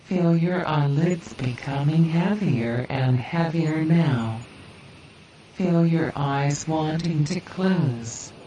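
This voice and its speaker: Very slow, low-pitched woman guiding hypnosis, roomy sound. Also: dark tone. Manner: slow, soothing, deliberate delivery with long pauses. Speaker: hypnosis guide. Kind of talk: guided relaxation hypnosis script. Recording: roomy, distant, hissy background noise.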